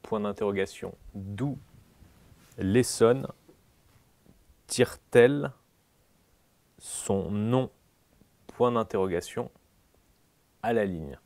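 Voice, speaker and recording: A man playing an examiner in a comic dictation sketch, slow and solemn, repeating every phrase and speaking out the punctuation. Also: fairly low pitch, gravelly, a little mellow, dry recording.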